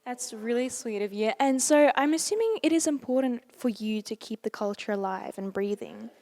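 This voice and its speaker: A woman interviewing guests, asking gentle, encouraging questions. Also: on the high side, expressive, moderate pace.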